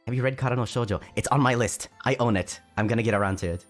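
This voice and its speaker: A man's voice: mid-range voice, fast talker, faint music behind. A man streaming casually, reading donations aloud and answering chat, chatty and self-deprecating, often stumbling over his words. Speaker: VTuber streamer.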